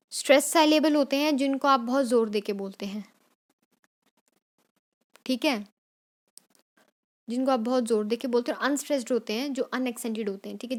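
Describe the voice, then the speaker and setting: A woman teacher with a fairly high voice. She runs an exam revision lesson, switching between Hindi and English. She repeats each point and reads English definitions out slowly, as if for notes.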